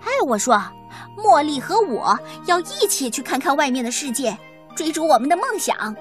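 A woman's voice: high-pitched, very animated, moderate pace, over music, voice pushed up. A woman voicing a cheerful, thoughtful little male mouse who talks eagerly.

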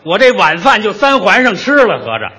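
A man playing the straight man in a crosstalk comedy routine, teasing his partner with quick puns. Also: sits high, huge pitch swings, bright, forceful tone, breathy edge.

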